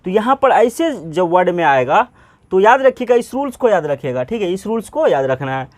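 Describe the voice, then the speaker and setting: A man teaching pronunciation, asking questions and answering them himself, spelling words out slowly letter by letter. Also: high-pitched, sing-song, dry recording. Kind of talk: Hindi classroom-style lesson.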